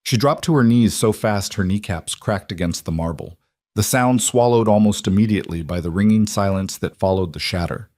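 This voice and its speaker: A man narrating a scripted story in a measured, grave delivery. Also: fairly low pitch, darkish tone, no echo, studio quality.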